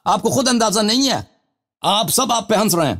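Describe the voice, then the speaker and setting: High-pitched guy hosting a call-in show, keeps hammering the same question at the caller. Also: animated, fairly bright tone. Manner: insistent, presses the same question again and again. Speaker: religious scholar hosting a live call-in show. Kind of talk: heated debate with a caller.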